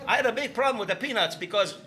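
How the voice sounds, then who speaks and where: A man's voice: high voice, expressive, very fast, pushed and bright, a little hiss or hum. A man playing a cheerful Italian immigrant bandleader, speaking in a put-on Italian accent with broken English and rambling stories. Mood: rambling story. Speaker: band leader.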